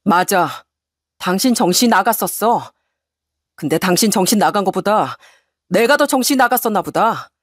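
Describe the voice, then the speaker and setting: A woman's voice: mid-range voice, expressive, moderate pace, breathy edge, no room sound, studio quality. Woman voicing a cold, firm husband. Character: cold, resolute middle-aged husband. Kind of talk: story radio reading.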